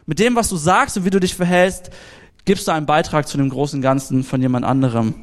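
A young man preaching a casual sermon in a lively, anecdotal way, speaking directly to his listeners. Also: fairly high pitch, fairly quick.

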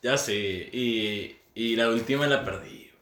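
A man's voice: medium pitch, slow, fairly bright tone. A nineteen-year-old Mexican man in casual chat, laid-back and teasing. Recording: roomy echo.

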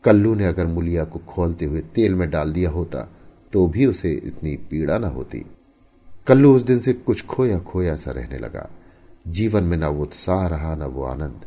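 A man narrating a story in an expressive audiobook style, with emphatic rises and hushed falls. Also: low-pitched, normal speed.

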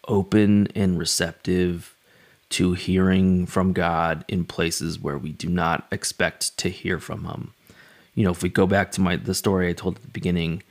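With a low voice, the man talks as a pastor, offering personal stories in a casual, reflective devotional style marked by halting, conversational speech.

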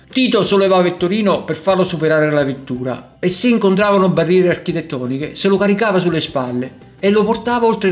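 A man narrating a children's storybook in a gentle, measured way. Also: a little high.

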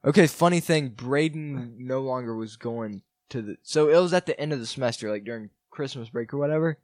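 A man's voice: medium pitch, brisk, darkish tone, no echo. A man co-hosting a podcast, telling stories in a rambling, casual way from a basement. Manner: rambling, storytelling. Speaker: podcast co-host. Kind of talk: casual chat.

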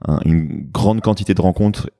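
A French man with a very deep, mellow voice explains his fitness business in an interview. He hesitates often and fills pauses with fillers. The recording is close and dry. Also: creaky, dry recording. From France. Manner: hesitant, many fillers and restarts. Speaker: fitness studio founder.

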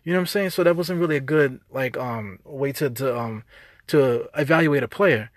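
A man's voice: medium pitch, normal speed, no echo, studio quality. A man with a New York accent hosting a podcast, ranting off the cuff in streetwise slang, repeating himself as he gets worked up. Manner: fired-up, rambling, repeats words, streetwise slang. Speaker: podcast host. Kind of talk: unscripted sports rant.

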